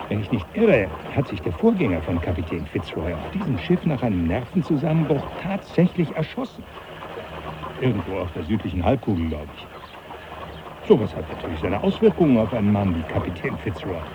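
An actor playing a jovial, teasing professor who laughs often, in a radio play. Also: male voice, fairly low pitch, dull audio, noisy background. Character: jovial older male professor, mocking. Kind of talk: 1980s radio play acting.

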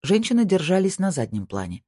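A man narrating a crime novel in a steady reading voice, giving the dialogue small shifts. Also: high-pitched, a little fast, breathy edge, no room sound. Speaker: audiobook narrator. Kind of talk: scripted narration.

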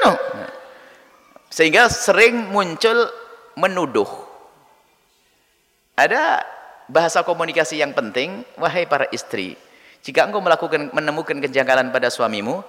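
Male preacher, high and lively delivery, bright tone, long hall echo. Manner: animated, acts out wives and husbands in quoted voices. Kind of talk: sermon answering a question.

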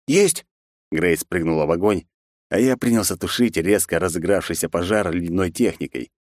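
A man narrating a first-person action audiobook in a measured, deadpan way. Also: low-pitched, no room sound, studio quality.

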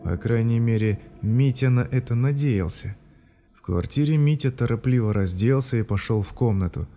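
A man narrating an audiobook in a measured, even way. His voice sits at a middle pitch, with a dark, mellow tone. Faint music plays softly behind him.

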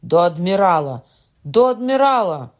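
A man reading an audiobook, voicing a hot-blooded young nobleman who shouts, raised in pitch. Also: normal speed, natural voice. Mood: fierce, shouting. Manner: loud, shouting, fired up.

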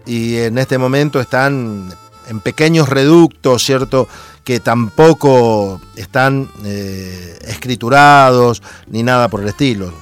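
An Argentine man with an Argentine Spanish accent hosts a radio talk show, speaking slowly and hesitantly in a mid-range voice with many fillers. Faint music plays behind him.

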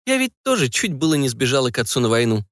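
A man voicing a confident young woman who speaks calmly and with dignity, in a dry recording. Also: fast talker, no room sound. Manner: calm, composed, slightly raised pitch.

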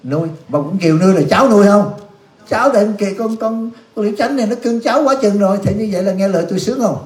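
A male Buddhist monk giving a dharma talk, his voice sitting a little high. He is blunt and scolding, teasing the audience as he answers their questions. The sound rings through an echoey hall. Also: racing. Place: youth center hall.

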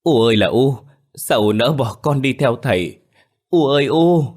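A man's voice: deep voice, fairly even intonation, brisk. A man voicing a wailing grieving young mother. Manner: wailing, sobbing cries.

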